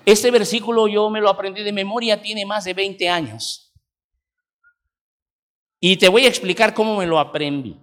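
A Mexican man in his forties with a Mexican accent, preaching a sermon in an animated, emphatic storytelling manner. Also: high voice, normal speed, long pauses. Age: 40s. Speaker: pastor. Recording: long church hall reverb.

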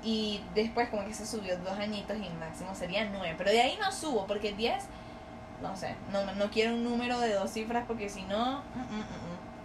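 A woman's voice: medium pitch, brisk. A young woman co-hosting a podcast, hesitant and teasing, mixing in English words. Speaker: podcast co-host. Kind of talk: casual chat. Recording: distant mic with noise.

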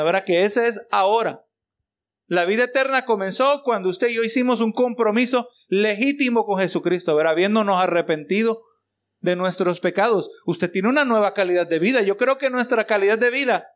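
A man's voice: high-pitched, normal speed. A man preaching a sermon as pastor, mixing rhetorical questions and exclamations of praise for the congregation.

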